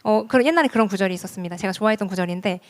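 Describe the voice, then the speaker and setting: A woman's voice: mid-range voice, rapid-fire. A woman evangelist preaching a sermon at a church worship service, talking earnestly and directly to the congregation. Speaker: youth ministry evangelist.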